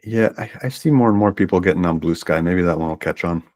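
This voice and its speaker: A man co-hosts a podcast in casual conversation, relaxed and wryly reflective. His voice is very deep and low. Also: fast talker. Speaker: podcast co-host. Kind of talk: casual chat.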